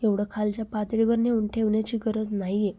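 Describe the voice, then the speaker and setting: A brazen, pushy man, as a woman reads him in a story, insistent and coaxing. The voice is dark and mellow, with a flat, level melody. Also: medium pitch, fairly quick, lightly acted.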